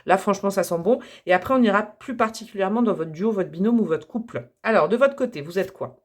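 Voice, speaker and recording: A woman's voice: medium pitch, fast. Chatty woman reading tarot. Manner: chatty, enthusiastic, laughs often. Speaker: tarot reader. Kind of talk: casual tarot reading to camera.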